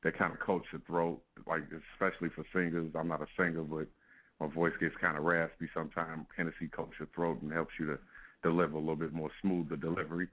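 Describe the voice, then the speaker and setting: Over a phone-line call-in, a male music artist guest talks in a laid-back way, laughing often and using fillers like "you know what I'm saying." His voice is extremely low, slightly rough and flat, and he talks fast.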